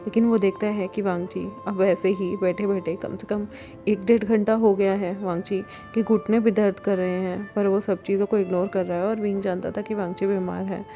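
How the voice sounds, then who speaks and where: A woman's voice: medium pitch, level tone, moderate pace, warm tone, faint music behind. A woman retelling a story in a chatty, casual way, talking to her listeners.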